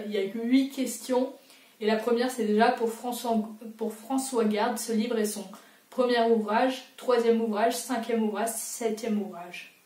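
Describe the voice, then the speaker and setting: A young woman booktuber, her voice on the high side with a darkish tone, talks through a quiz in a chatty, self-mocking way, reasoning out loud. She's recorded from a distance, a little back from the mic in an echoing, roomy space.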